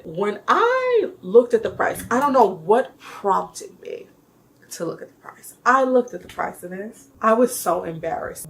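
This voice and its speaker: A woman's voice: medium pitch, gravelly, poor audio. A young woman reviewing perfumes in casual chat to camera, emphatic and chatty, calling her viewers y'all and laughing often. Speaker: beauty vlogger reviewing perfumes.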